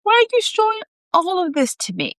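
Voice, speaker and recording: A woman's voice: extremely high pitch, wildly swooping pitch, brisk, fairly bright tone, no echo, clean studio sound, pitched above the performer's own voice, heavily acted. A woman reading aloud as a weary, regretful man, puzzled and questioning as he faces things he does not understand. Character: weary, regretful grown man, confused newcomer.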